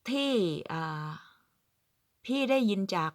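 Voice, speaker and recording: A woman's voice: slow, no echo, studio quality. A woman from southern Thailand giving casual, emphatic advice as a vlogger, acting out what people say. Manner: chatty, emphatic, acts out quoted speech. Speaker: vlogger living abroad. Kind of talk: casual advice talk to camera.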